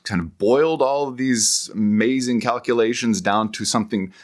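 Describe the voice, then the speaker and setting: A guest author in an interview explains ideas conversationally with a mid-range voice. He is halting, searching and scholarly, frequently correcting himself.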